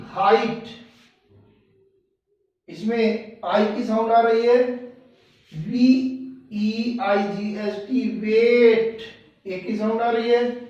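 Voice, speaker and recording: A woman's voice: on the high side, a little mellow. A woman teaching English pronunciation, spelling each word letter by letter before saying it. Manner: spells words letter by letter, then says them slowly. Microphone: far from the mic. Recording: distant, echoey, dull room sound.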